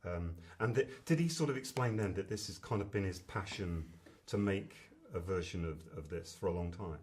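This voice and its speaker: Deep-voiced, rambling male journalist. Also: moderate pace, a little mellow. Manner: rambling, fumbling questions. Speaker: film journalist. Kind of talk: press interview.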